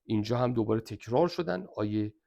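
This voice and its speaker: A man's voice: lowish voice, lively intonation, creaky, warm tone. A man with an Iranian Persian accent teaching an exam review lesson, emphatically repeating which points are very important.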